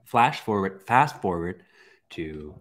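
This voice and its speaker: A young man hosting a podcast, telling a personal story in a casual, animated way, with swearing and acted-out reactions. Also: low-pitched, slow pace. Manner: animated, swearing, acts out his own reactions. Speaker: podcast host.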